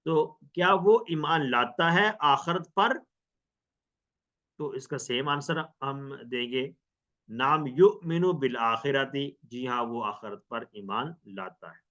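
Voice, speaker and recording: Patient male teacher, drills phrases by question and answer, slow delivery, muffled recording. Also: mid-range voice, fairly bright tone. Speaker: Arabic teacher. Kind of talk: recorded grammar lesson. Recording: dull lo-fi recording.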